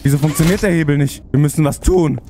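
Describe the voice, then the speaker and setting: High-voiced man playing a horror game. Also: steady tone, fast talker, mellow, slight background noise. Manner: chatty, talks himself through puzzles, easily spooked. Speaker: let's play gamer. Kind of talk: let's play commentary. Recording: voice over game music.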